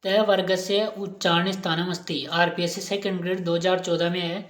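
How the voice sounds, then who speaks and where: A woman's voice: lowish voice, level tone, moderate pace. A woman teacher giving an exam-prep lesson, asking questions and repeating each answer aloud. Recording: roomy echo.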